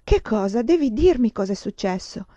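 Woman reading a devoted young wife in a storybook, pleading and urgent, warm muffled sound. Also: on the high side, animated, normal speed, no echo.

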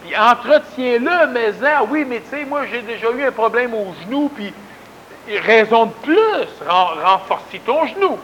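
A man with a very high, expressive, fairly bright voice speaks a little slowly, with a Québécois French accent. As a spiritual lecturer he keeps things conversational, folksy and emphatic, repeating words for stress. The sound is lo-fi, with slight background noise.

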